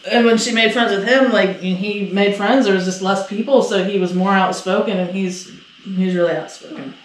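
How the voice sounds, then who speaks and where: A middle-aged woman co-hosting a casual podcast, telling stories with lively acted-out quotes and plenty of swearing. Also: medium pitch, normal speed, recorded from a distance, a little hiss or hum. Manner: animated storyteller, acts out quotes, swears freely. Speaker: podcast co-host. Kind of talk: casual storytelling chat. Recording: echoey room, voices a bit off-mic.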